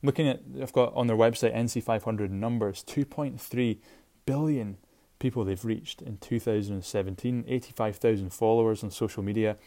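Low, mellow man with a Shetland accent. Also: normal speed. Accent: Shetland Scottish. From Shetland, Scotland. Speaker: podcast host. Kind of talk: casual solo podcast talk.

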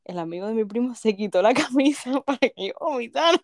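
A woman co-hosting a podcast, telling a story in a relaxed casual chat and laughing softly along the way. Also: a little high, quick pace, no echo, clean studio sound. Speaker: podcast co-host.

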